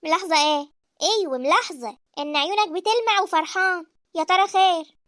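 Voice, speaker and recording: A woman voicing Sara, a lively and emotional young village woman in an animated drama, with an Egyptian accent. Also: very high-pitched, fairly quick, dry recording, clean studio sound. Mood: defensive. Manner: animated, expressive. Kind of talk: cartoon voice acting.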